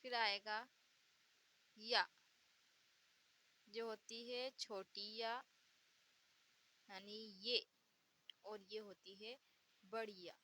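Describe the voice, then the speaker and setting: A woman's voice: medium pitch, steady tone, very slow, long pauses, pushed and bright. A woman teaching the Urdu alphabet, patiently repeating each letter's sound and giving example words. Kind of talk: slow letter-by-letter pronunciation lesson.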